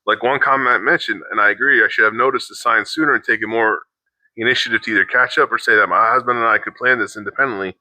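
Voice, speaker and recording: Man, middle-aged, very bright tense voice, halting read-aloud, casual swearing. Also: medium pitch, steady tone, no echo, low-quality recording. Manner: halting, restarts mid-sentence, swears in asides. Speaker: co-host reacting to online posts. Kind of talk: reading aloud with casual commentary.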